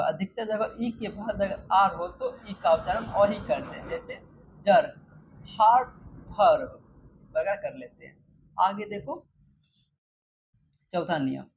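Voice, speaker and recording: A woman with a medium-pitched voice explains English spelling rules to students, repeating each example word and quizzing the class with questions she then answers herself. Slight background noise is audible in the dull, lo-fi recording.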